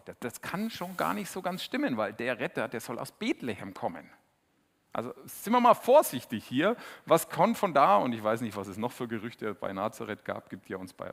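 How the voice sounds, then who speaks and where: Lively conversational preacher man. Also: on the low side, gravelly. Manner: lively, conversational, acts out quotes with raised voice. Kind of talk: sermon.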